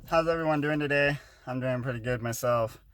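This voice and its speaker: A man's voice: mid-range voice, fairly quick, a bit bright, clear, resonant tone, dry recording. A man in his twenties talks casually to his vlog viewers, with a slight lisp that shows when he speeds up. He rambles, restarts and drops in fillers. The recording is dry and close, with no room sound. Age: 20s. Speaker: vlogger.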